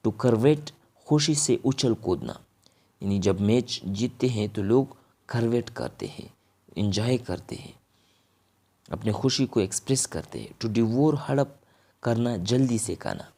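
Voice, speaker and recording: A man's voice: mid-range voice, warm tone. A man with a Pakistani accent teaching a vocabulary lesson. He says each word, then explains its meaning.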